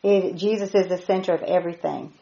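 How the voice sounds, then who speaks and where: A middle-aged woman teaching a Bible study to a small group, stressing key words by repeating them slowly and emphatically. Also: lowish voice, fairly even intonation, gravelly, warm tone. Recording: roomy, dull lo-fi recording.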